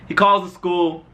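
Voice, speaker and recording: High, bright-voiced young man telling a story. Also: vocal fry, lo-fi sound. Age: young adult. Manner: rambling, loose slang-filled delivery. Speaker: storytime vlogger. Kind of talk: casual storytime.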